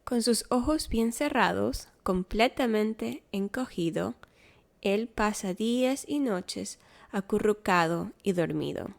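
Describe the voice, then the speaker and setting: A woman reading a children's story aloud in a slow, gentle, rhythmic way. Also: medium pitch, animated, creaky. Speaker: storybook reader.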